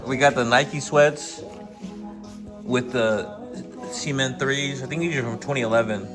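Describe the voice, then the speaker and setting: A man's voice: medium pitch, steady tone, a little slow, over music. A man hosting a vlog from his barbershop, joking and laughing with coworkers in casual banter.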